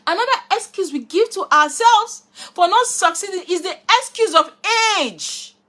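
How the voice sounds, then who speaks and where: A motivational speaker with a very high, animated, somewhat bright voice gives an emphatic talk at normal speed, repeatedly firing rhetorical questions at her listeners. It is a replay of a live online session.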